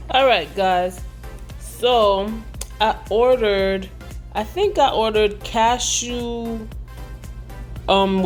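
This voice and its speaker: A woman vlogger chatting casually to the camera in a conversational way, often peppering her sentences with filler "like". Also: mid-range voice. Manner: conversational, frequently saying "like".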